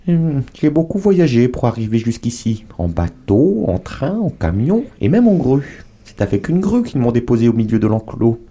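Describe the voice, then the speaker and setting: A wily male dromedary in a told tale, teasing and proud of his trick, as a man acts him. The voice is dark and mellow, swinging widely up and down with sly little hums. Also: medium pitch, very animated. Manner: sly, chuckling, drawn-out hums.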